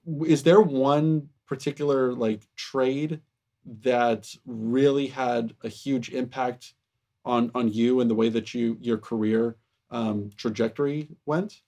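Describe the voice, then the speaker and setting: A man interviewing a guest, asking questions in a halting way as he searches for words. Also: medium pitch, steady tone, dark tone.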